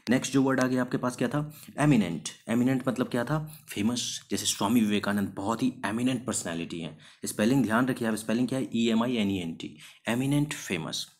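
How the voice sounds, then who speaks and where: Speaking in Hindi laced with English words, a man with a medium-pitched, slightly mellow voice gives a classroom-style vocabulary lesson. He answers his own rhetorical questions and slows to spell out and emphasize example sentences.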